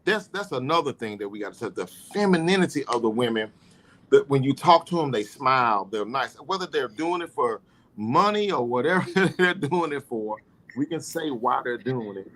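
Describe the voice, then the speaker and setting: A man's voice: medium pitch, animated, normal speed, fairly bright tone, a little hiss or hum. Rambling man, casual podcast talk. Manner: rambling, with many "you know" fillers. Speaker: podcast host. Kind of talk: casual chat.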